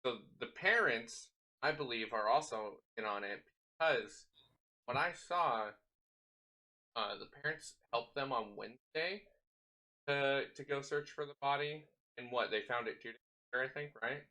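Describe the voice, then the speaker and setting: A young man hosting a home podcast talks with a bright, forward tone. He rambles and swears casually, and he drops "dude" into most sentences. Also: mid-range voice, moderate pace. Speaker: podcast host. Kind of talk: casual chat. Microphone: home microphone.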